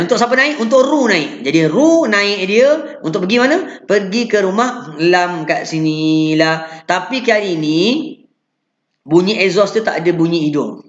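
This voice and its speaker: Malaysian guy teaching recitation live, highish voice, echoey dull room sound. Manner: explains patiently, models sounds by chanting them.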